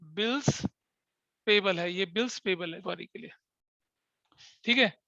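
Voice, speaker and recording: A male teacher with a bright, forceful voice runs a class for students in the room and online, firing questions and drilling terms again and again. The sound is dry and a little dull, close and without room echo. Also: sits high, unhurried, gravelly. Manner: questioning, repeats key terms, checks if students follow. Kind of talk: classroom accounting lesson, mixing in English.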